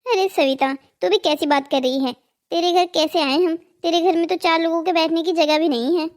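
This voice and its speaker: A woman's voice: very high voice, fairly even intonation, normal speed. A woman voicing a wealthy, condescending village wife in a cartoon drama. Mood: teasing. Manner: teasing, condescending.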